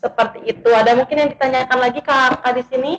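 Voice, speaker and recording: A woman speaking as the guest content creator in an online sharing session, chatty and animated, with many fillers. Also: sits high, fast, echoey room, highs cut off.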